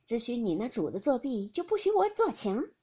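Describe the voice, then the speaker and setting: A woman reading aloud as a bantering, sharp-tongued noble lady who scolds with a laugh. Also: fairly high pitch, sing-song, fairly quick, breathy edge. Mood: teasing.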